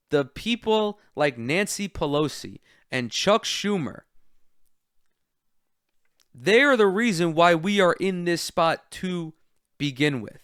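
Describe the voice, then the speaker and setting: A man's voice: fairly high pitch, no room sound, studio quality. A man hosting a political commentary show, ranting in a heated, profane way. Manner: heated, profane, loud outbursts.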